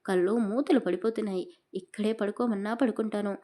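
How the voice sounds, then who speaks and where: A woman's voice: mid-range voice, steady tone, fairly quick, warm tone, natural voice. A woman voicing a childlike, pouting young pregnant wife in an audio story. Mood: sulky. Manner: pouting, sulky complaining.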